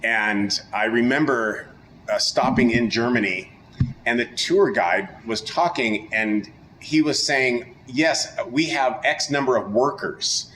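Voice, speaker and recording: A man's voice: medium pitch, slow, slight background noise, low-quality recording. An enthusiastic middle-aged man hosting an upbeat interview chat with a guest. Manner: enthusiastic, energetic. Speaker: host.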